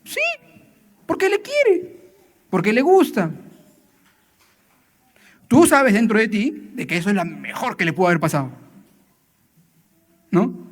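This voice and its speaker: Man, high voice, church sermon, conversational, acts out dialogues, long hall reverb. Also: expressive, a little slow, long pauses, breathy edge. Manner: conversational preaching, frequent tag questions, acts out dialogues. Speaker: church speaker.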